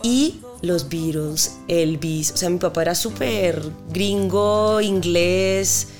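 Lively woman singer from Cali. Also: fairly low pitch, slow, soft background music. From Cali, Colombia. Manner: lively storyteller imitating notes with sung syllables. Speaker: guest singer-songwriter. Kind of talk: casual interview chat.

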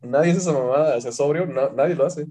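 Young Mexican man, podcast guest: quick, rambling slang, warm dark tone. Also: a little high. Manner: slangy, rambling, swears freely. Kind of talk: casual chat.

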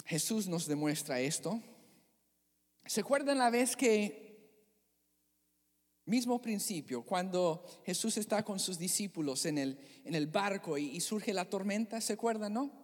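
Slow, expressive preacher in an echoing hall. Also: mid-range voice. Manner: expressive, dramatic, rhetorical questions. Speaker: pastor. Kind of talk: sermon. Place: church. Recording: long church hall reverb.

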